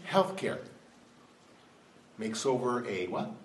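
A man's voice: medium pitch, very animated, slow, crowd noise. A man giving an impassioned political talk to a live audience, firing rhetorical questions and climbing to emphatic peaks. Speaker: speaker addressing an audience. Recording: roomy hall, far-off mic, faint ambience.

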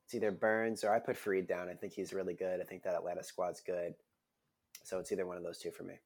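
A man co-hosting a casual sports podcast, speaking in a laid-back, low-key way. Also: flat delivery, fast talker, husky. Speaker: podcast co-host.

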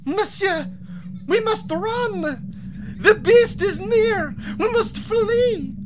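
A terrified little French peasant girl cries out in a squeaky, shrill voice, as a man puts her on. She pleads in a French lilt. There is clear noise behind her. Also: takes it slowly. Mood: panicked. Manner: wailing, high-pitched, French-accented exclamations.

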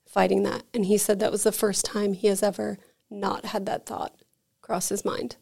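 This podcast guest owns an energy healing center and shares animated stories in relaxed, conversational fashion, her speech full of "like." Her pitch is medium, her speed ordinary, and there's some vocal fry.

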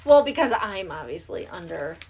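A woman's voice: lowish voice, very animated, normal speed, a little mellow, slight background noise. A young adult woman co-hosting a casual faith chat, earnest and emotional as she talks. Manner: earnest, emotional, tearful at moments. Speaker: co-host.

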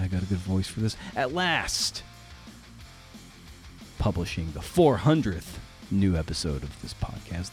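A podcast host with a fairly low, slightly mellow voice chats casually through an introduction. His manner is irreverent, slangy, and self-deprecating.

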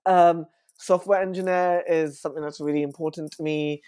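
A man's voice: fairly high pitch, normal speed, smooth, dry recording. Chatty young man from West London. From West London, England. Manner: chatty, animated, with frequent fillers. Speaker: guest. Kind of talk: casual interview talk.

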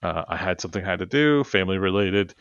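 Gravelly-voiced man telling a rambling story. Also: low-pitched, animated, fast talker, fairly bright tone, no echo. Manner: rambling storyteller, laughs often. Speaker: podcast co-host. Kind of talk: casual chat. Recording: dull, lo-fi sound.

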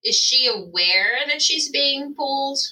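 Bright-voiced woman player. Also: high voice, expressive, a little slow, poor audio.

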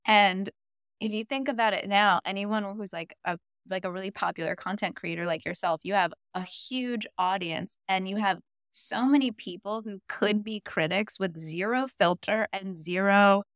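A woman's voice: medium pitch, normal speed, fairly bright tone, clean tone, no room sound, clean studio sound. A woman hosting a casual podcast interview in a supportive, complimentary, conversational manner.

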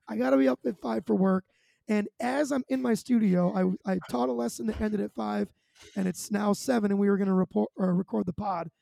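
A man's voice: high voice, fairly even intonation, fairly quick, gravelly, dark tone, no room sound. A man hosting a podcast in a chatty, rambling, self-deprecating way. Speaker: podcast host. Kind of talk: casual podcast chat.

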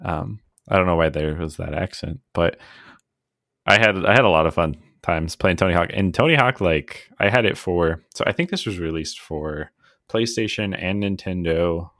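Deep-voiced man chatting on a podcast. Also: moderate pace, a bit bright, no echo, clean studio sound. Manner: chatty and self-deprecating, often laughing. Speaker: podcast co-host. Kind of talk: casual chat.

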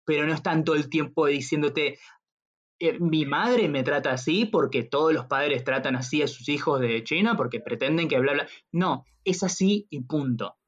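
A man, co-hosting a podcast and explaining his views in a measured way. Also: a little high. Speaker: podcast co-host. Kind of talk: casual film review chat. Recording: dull lo-fi audio.

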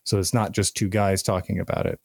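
A man's voice: low voice, flat delivery, brisk, creaky, darkish tone, breathy edge, no echo, studio quality. A man hosting a podcast, introducing the episode and putting questions to a guest. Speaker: podcast co-host, interviewer.

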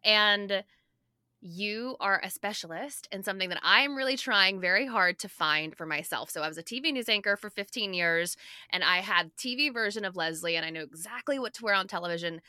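A woman's voice: medium pitch, lively intonation, fairly quick, bright, forceful tone, clean tone, no echo, clean studio sound. A woman hosting a podcast, talking in a candid, chatty way as she interviews a guest. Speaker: podcast host. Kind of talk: casual interview chat.

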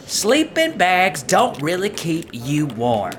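A man's voice: high voice, takes it slowly, slight background noise, exaggerated voice. A man playing a male coworker who insists on odd unpopular opinions and keeps repeating his point. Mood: insistent. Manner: insistent, repeats a flat catchphrase.

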